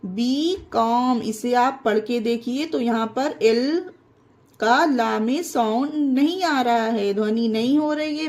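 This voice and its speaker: Woman teacher, slow and patient, high pitch, spells out each word for viewers. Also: a little mellow. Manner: spells words letter by letter and repeats them; addresses viewers as friends. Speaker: English pronunciation teacher. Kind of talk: slow step-by-step lesson.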